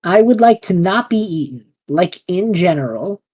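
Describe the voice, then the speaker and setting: In clean studio sound with no room tone, a woman with a lowish voice speaks at normal speed as an eager, scatterbrained young male adventurer from a fan audio drama. She plays him excited, joking, and reckless as he faces danger.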